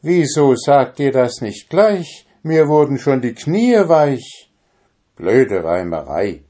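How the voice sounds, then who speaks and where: A man's voice: medium pitch, sing-song, slow pace, warm tone, voice pushed up. A man voicing an anxious, easily flustered male dwarf in a storybook reading. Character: fretful bearded male dwarf.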